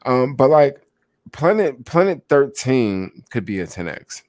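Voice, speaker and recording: A man's voice: mid-range voice, big pitch swings, unhurried, a little mellow, no room sound. A young man chatting casually about stocks on a livestream, rambling with lots of fillers and answering viewers, sounding sleepy. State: sleepy, yawning. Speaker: stock vlogger.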